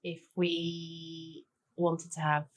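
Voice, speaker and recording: Her voice sits low and husky, delivered completely flat and extremely slowly. She's a woman in her forties, a cookbook author born in Denmark and raised in Tanzania, chatting as a guest chef in a relaxed interview and leaning on "sort of" and "you know."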